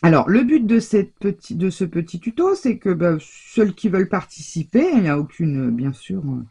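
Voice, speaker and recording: A woman hosting a casual crafting tutorial, chatting warmly to her viewers with many fillers and self-corrections. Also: lowish voice, very animated, normal speed, vocal fry, breathy edge. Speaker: crafting channel host.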